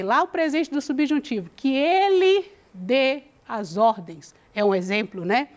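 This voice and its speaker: A woman teacher gives a lesson. She talks slowly and deliberately and checks in with the student as she goes. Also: on the high side. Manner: slow, deliberate, reads the text aloud and asks the student questions. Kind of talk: recorded remote lesson.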